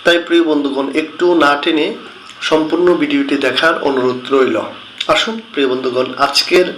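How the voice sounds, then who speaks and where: Male Quran reading teacher, unhurried spelling-out delivery, slightly high pitch, roomy echo. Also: a bit bright, a little hiss or hum. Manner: slow, drawn-out spelling and chanted recitation. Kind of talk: spelling-out recitation lesson. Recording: echoey room.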